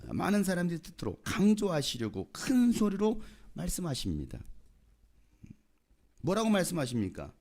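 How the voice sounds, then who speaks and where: Lively Korean pastor preaching a sermon. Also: male voice, sits high, moderate pace. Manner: asks the congregation questions and repeats their answers.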